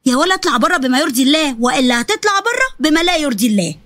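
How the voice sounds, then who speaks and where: A woman with an Egyptian accent voicing a sharp-tongued mother who threatens and scolds. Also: high-pitched, very animated, racing, dry recording. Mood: furious. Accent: Egyptian Arabic. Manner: furious, threatening.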